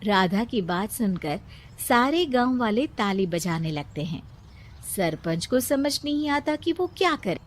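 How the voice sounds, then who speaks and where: A woman's voice: mid-range voice, sing-song, unhurried. A woman narrator reading a scripted moral story.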